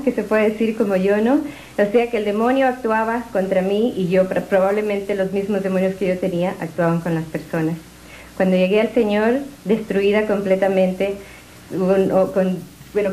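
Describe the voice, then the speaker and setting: Woman sharing an emotional church testimony, earnest with halting restarts, mellow low tone, faint noise behind her. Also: low-quality recording.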